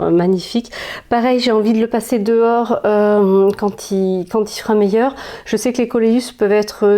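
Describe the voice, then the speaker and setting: A woman's voice: medium pitch, mellow. A woman with a French accent, chatting enthusiastically in a casual plant vlog at home, with frequent fillers. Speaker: plant vlogger. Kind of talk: casual chat. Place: home with houseplants, indoors.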